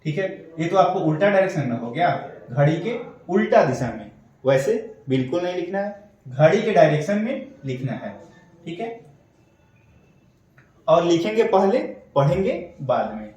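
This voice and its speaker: A man's voice: high voice, very animated, moderate pace, a little mellow, heavy reverb, recorded from a distance, rough recording. A man teaching an online shorthand class, explaining step by step and checking in often. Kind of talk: online lesson.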